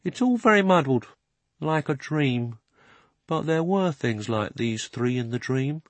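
A man doing a slow, dreamy old cab horse. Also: fairly high pitch, dry recording, pitched above the performer's own voice, lightly acted. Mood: musing. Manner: slow, musing.

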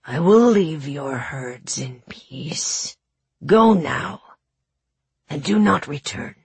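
A woman voicing a gruff, menacing male forest beast who snarls slowly and gravely. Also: low voice, animated, a little mellow, dry recording, pitched below the performer's own voice, heavily acted. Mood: stern.

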